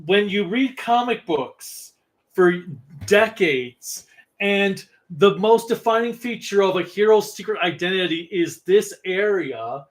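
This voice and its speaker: A man's voice: high-pitched, animated, slow pace. A man co-hosting a casual livestream discussion, explaining and steering the talk back on track. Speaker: co-host.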